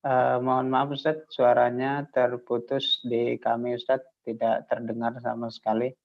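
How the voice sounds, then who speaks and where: A man's voice: mid-range voice, monotone, normal speed, creaky. A man moderating an online study session, speaking politely over video call audio that fades in and out. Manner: polite, keeps repeating a respectful address. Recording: dull lo-fi video call sound.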